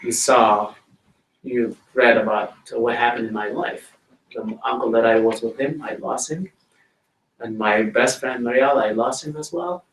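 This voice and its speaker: A middle-aged man from South Sudan, speaking English with a South Sudanese accent, giving a plain, slow storytelling talk to schoolchildren in a school library. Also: mid-range voice, steady tone, fairly bright tone, a little hiss or hum. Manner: plain, slow-paced storytelling, addressing children directly. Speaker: guest speaker. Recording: roomy hall audio from a distance.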